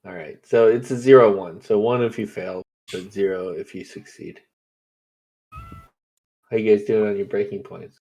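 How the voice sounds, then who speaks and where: A man running a tabletop horror game as game master, easygoing and quick to laugh. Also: fairly low pitch, fairly even intonation, vocal fry, warm tone, a little hiss or hum.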